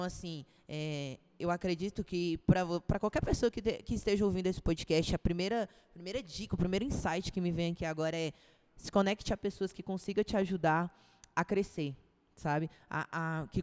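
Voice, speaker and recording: A woman's voice: on the low side, brisk, darkish tone. A young woman from Brazil, a personal trainer chatting as a podcast guest, casual and slangy, often restarting her sentences. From Brazil, Ceilândia (Brasília).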